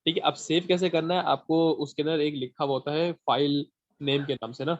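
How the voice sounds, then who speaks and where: A man heard over a voice call with muffled, lo-fi sound and no room echo. He patiently explains a computer task one step at a time, often pausing to check the listener is following. His voice sits fairly high for a man. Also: fairly even intonation. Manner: patient, repeats checks for understanding. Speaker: instructor. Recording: dull, lo-fi call audio.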